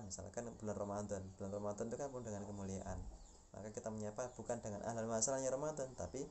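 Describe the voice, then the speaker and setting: A young man with an Indonesian accent teaching Arabic greetings in a casual spoken lesson, explaining patiently and repeating phrases slowly. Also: fairly low pitch, dark tone, slight background noise.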